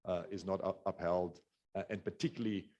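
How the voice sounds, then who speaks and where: A middle-aged South African man gives a business webinar talk in a deep, warm voice, speaking a little fast with fairly even intonation. He rambles, full of restarts and fillers, and the audio sounds dull.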